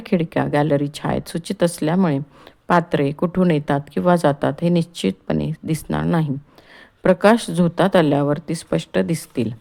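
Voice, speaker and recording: A woman narrating the stage directions of a play for an audiobook in a measured, even reading. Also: low voice, gravelly.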